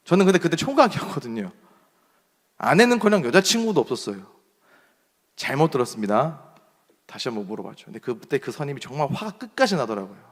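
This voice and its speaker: Animated young pastor in a reverberant church. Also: male voice, a little high, fast talker, pauses often. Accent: Seoul standard Korean. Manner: animated storyteller acting out shouted quotes. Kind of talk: sermon with storytelling. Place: church hall. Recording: long reverb of a church hall.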